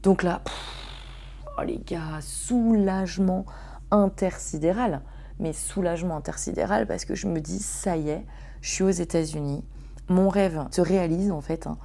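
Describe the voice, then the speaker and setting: Gravelly low-voiced woman telling stories. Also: moderate pace. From France. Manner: slangy and swearing, addresses listeners as "les gars"; animated, excitable storytelling. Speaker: podcast host. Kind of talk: casual storytelling podcast.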